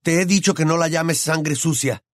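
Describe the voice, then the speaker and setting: A man's voice: on the high side, moderate pace, no room sound, pitched above the performer's own voice, lightly acted. A man performs a determined teenage boy who questions sternly and will not let up. The voice sits somewhat above his own, and the delivery stays firm. The sound is dry and close. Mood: stern questioning. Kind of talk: audiobook character voice.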